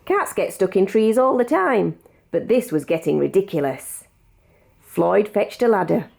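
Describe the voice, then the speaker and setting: A woman with a British accent reading a children's picture book aloud in an expressive, measured storytelling manner. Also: medium pitch, creaky. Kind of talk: read-aloud storybook narration.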